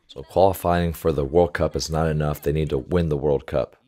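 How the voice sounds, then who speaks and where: Brisk and dark-toned, his extremely low voice fairly even in intonation, the volleyball coach comments casually on a reaction video. He thinks aloud into a desktop USB microphone placed close by.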